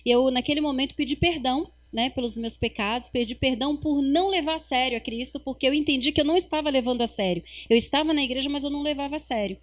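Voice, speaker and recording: A woman's voice: high-pitched, quick pace, few pauses. A middle-aged mother sharing family stories and her faith testimony on a church podcast. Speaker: podcast guest. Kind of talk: casual church podcast conversation.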